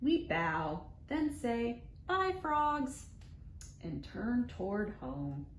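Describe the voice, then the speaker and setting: A children's librarian with a slightly high, sing-song voice hosts storytime, giving an expressive read-aloud of a rhyming picture book for young children. She's unhurried and playful with sound words. The echoey room adds reverb and a little background noise.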